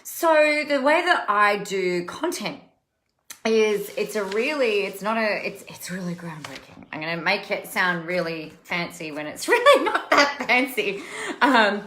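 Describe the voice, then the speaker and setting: Chatty woman with a bright voice. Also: medium pitch, a little hiss or hum. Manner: chatty and emphatic, repeats words for effect. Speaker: coach and live-stream host. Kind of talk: casual live-stream chat. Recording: echoey room.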